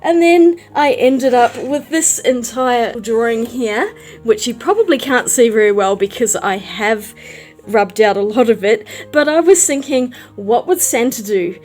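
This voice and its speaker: With faint music behind her, a New Zealand woman who paints watercolours for YouTube talks casually over her work. Her fairly high, slightly mellow voice is expressive and a little slow, and she rambles in a warm, chatty way.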